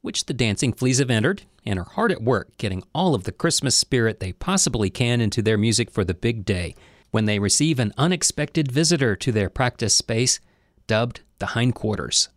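A man's voice: medium pitch, animated, moderate pace, no room sound, clean studio sound. A man narrating a comedy story in a wry, conversational way.

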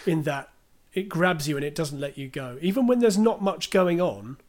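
A man's voice: on the high side, animated, moderate pace, a little mellow. A man co-hosting a podcast, chatting casually about a film, retelling its scenes and reading out listener questions. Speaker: podcast co-host.

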